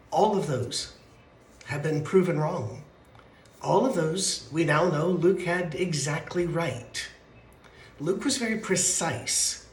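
Male Bible teacher, stuffy and congested, muffled down-a-well voice, fairly high for a man, echoey room. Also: a little hiss or hum. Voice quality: muffled, hollow, like talking from the bottom of a well. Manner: chatty, rambling, with self-corrections and asides. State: congested, stuffy nose from allergies. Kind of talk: casual midweek Bible lesson. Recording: echoey room with faint ambience.

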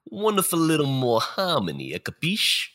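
A man voicing a menacing mobster-style ghost in a comedy audio drama, with gruff street slang. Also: fairly high pitch, huge pitch swings, normal speed, fairly bright tone. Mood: tough.

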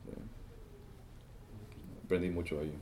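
Casting: male interviewer with a very deep voice, relaxed and bilingual, faint noise behind. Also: measured pace. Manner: relaxed, mixes in English words. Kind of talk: casual conversation.

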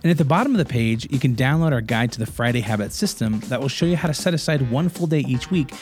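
A man hosts a podcast with upbeat, friendly closing questions and sign-offs. His pitch sits in the middle range for a man, and faint music plays behind him. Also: animated, quick pace. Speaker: podcast host. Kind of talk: podcast hosting.

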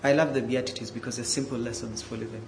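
A man's voice: mid-range voice, steady tone, fast talker, vocal fry. A man reading scripture aloud as a Bible reader. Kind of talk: scripture reading and short personal remark. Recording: echoey room with faint background noise.

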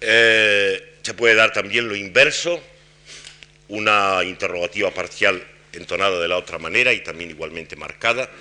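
A man giving an academic lecture on grammar and intonation, explaining in a measured way with frequent pauses. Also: low-pitched, pushed and bright. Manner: demonstrates intonation patterns by voicing example questions.

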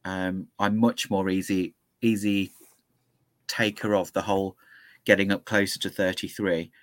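A man co-hosting a podcast in casual discussion, thoughtful and hesitant, with many pauses and ums. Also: sits low, level tone, fairly bright tone, no room sound. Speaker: podcast co-host.

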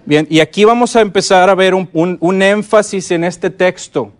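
A middle-aged man giving a conference lecture on teaching Bible stories, often checking in with his audience and slowing down to stress key words. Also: high voice. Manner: lively, asks the audience frequent check-in questions.

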